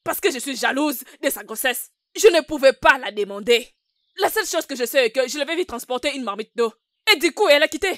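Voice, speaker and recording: A jealous, menacing wife. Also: female voice, high voice, animated, racing, a bit bright, no echo, clean studio sound. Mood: indignant. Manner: commanding, harsh and insistent. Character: jealous, scheming adult wife, cruel and threatening. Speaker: jealous wife in a dubbed film. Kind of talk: French film dub acting.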